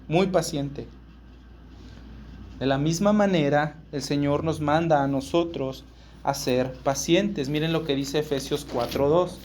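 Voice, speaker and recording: A man's voice: fairly high pitch, a little mellow, slight background noise. A man with a northern Mexican accent preaching a sermon, emphatic, repeating key words and checking in with his listeners. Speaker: pastor.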